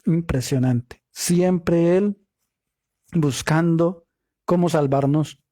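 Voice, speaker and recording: A man's voice: on the high side, extremely slow, mellow, no room sound, clean studio sound. A man teaching a Bible study, reading scripture aloud and explaining the Hebrew meaning of words, often asking rhetorical questions.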